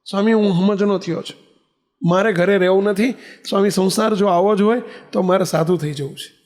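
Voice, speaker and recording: A man's voice: high-pitched, fairly even intonation, fairly quick, darkish tone. A man with a Gujarati accent giving a sermon as a swami, telling stories and acting out the dialogue, repeating phrases for emphasis. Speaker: swami giving a religious discourse. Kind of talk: sermon with storytelling.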